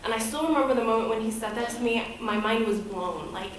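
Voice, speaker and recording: A woman's voice: on the high side, brisk, recorded from a distance, slight background noise. Woman speaking candidly in an echoey hall. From United States, grew up in Boston. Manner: candid, conversational storytelling. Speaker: guest presenter, writer. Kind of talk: personal talk to an audience. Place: event hall, speaking at a podium.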